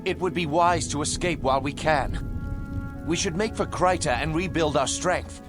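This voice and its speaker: Man acting proud fantasy prince, higher male voice, earnest, oratorical, game cutscene, loud music behind. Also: measured pace, close to an everyday voice. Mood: defiant. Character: proud, defiant human prince leading refugees.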